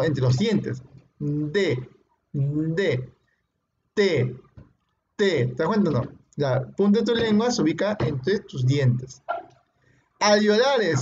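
Man, phonetics teacher, high voice, patient explaining, repeats sounds slowly, keeps checking in with students, muffled lo-fi audio, faint background noise. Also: darkish tone. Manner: explains patiently and often ends phrases with "¿no?"; addresses and praises students directly. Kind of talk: classroom lecture.

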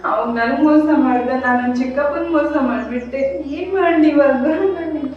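A woman's voice: high voice, moderate pace, close to an everyday voice. A woman playing a tearful guilt-ridden student. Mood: remorseful, tearful. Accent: North Karnataka Kannada. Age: young adult. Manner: tearful, self-reproaching. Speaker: college student. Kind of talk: amateur short film acting. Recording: very echoey, dull lo-fi, music behind.

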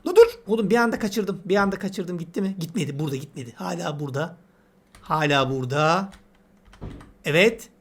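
A man's voice: high-pitched, brisk. A man giving casual let's-play commentary, chatty and teasing, talking to the game's characters as he plays. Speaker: gameplay commentator.

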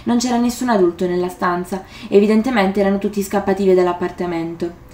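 A woman's voice: medium pitch, fairly even intonation, fast, a little mellow. A woman reading passages from a novel aloud and commenting on them casually, with hesitations and self-corrections. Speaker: book vlogger. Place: room indoors. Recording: roomy echo.

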